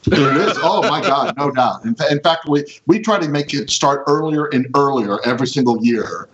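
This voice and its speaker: A man's voice: medium pitch, lively intonation, moderate pace. A man co-hosting a podcast, chatting casually and enthusiastically. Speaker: podcast co-host. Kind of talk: casual chat. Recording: dull, lo-fi microphone sound.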